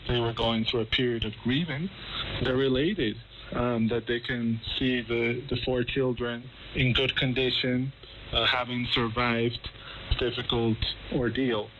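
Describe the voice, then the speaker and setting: Through a muffled shortwave radio feed with faint noise behind it, a journalist interviewed as a correspondent walks listeners through the story live. He talks a little slowly in a steady, medium-pitched voice, casual and somewhat hesitant.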